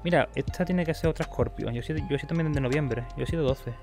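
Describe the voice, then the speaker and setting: A man with a Spain accent chatting playfully and casually as a livestream host, reading out comments and repeating himself excitedly. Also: fairly high pitch, fairly quick. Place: virtual reality room, streaming. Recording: music behind the voice.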